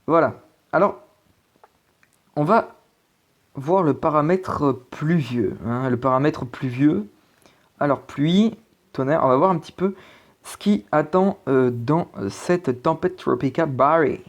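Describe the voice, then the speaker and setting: A man's voice: a little high, lively intonation, measured pace, pauses often. Hesitant man giving a weather update. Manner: hesitant, many fillers and restarts. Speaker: amateur weather presenter. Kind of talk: casual forecast commentary over weather maps.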